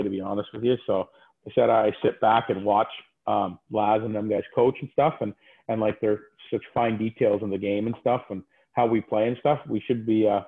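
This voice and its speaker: A man, a hockey coach, chatting casually as an interview guest over a thin, phone-like connection. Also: fairly low pitch. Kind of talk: casual chat. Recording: tinny, phone-like line.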